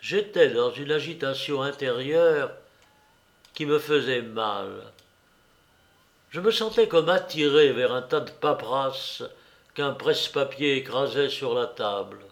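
A man narrating a story aloud in a slow, measured, storytelling manner. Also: mid-range voice, expressive. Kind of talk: audiobook narration.

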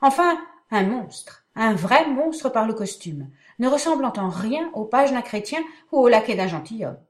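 A woman voicing an excitable young male servant in a stage comedy, breathless and exclamatory as news piles up. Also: fairly high pitch, unhurried, reverberant, voice pushed up. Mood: gleeful cataloguing. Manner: breathless, exclamatory, piling up long lists. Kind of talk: dramatic reading of a classic stage comedy.

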